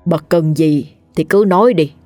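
Woman doing a calm old hermit sorcerer. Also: low voice, moderate pace, no room sound, faint music behind, lightly acted. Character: old male sorcerer in a remote hut, calm and eerie.

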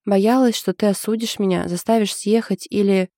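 A woman's voice: medium pitch, fairly even intonation, moderate pace, warm tone, no room sound, studio quality, natural voice. A woman voicing an anxious young woman in love, confiding in a hesitant way. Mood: uneasy.

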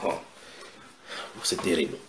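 A man preaching a sermon, retelling scripture dramatically with sudden shouted quotes and direct questions to his listeners. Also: slow. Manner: asks the audience direct questions. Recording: echoey room.

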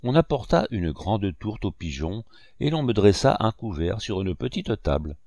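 A man narrates a classic adventure novel in a low, lively voice. His pitch moves widely as he tells the story. The recording is dry and close, with no room sound. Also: moderate pace, no room sound. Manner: expressive storytelling reading. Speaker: audiobook narrator. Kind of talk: scripted narration.

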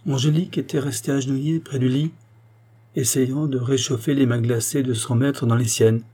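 A man narrating a novel as an audiobook, with a measured, even delivery. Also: medium pitch. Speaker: audiobook reader.

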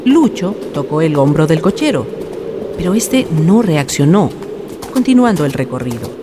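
With a medium-pitched voice that swings widely in pitch, this narrator reads a scripted radio drama at a moderate pace. The delivery is solemn and literary, and the recording is noisy with ambient sound.

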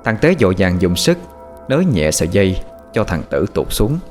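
A man narrating a scripted horror story in an expressive, suspenseful way. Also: low-pitched, normal speed. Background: faint music.

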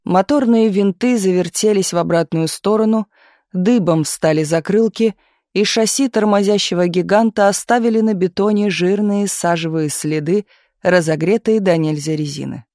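A man's voice: sits high, moderate pace, darkish tone, no room sound. Man narrating a novel, dry close sound. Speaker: audiobook narrator.

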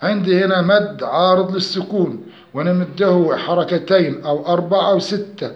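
A man leads a lesson on recitation rules. He stretches each verse into a slow chant, then rattles off the explanation quickly. The sound is roomy and a bit dull and lo-fi. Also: high voice. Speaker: Quran recitation teacher.

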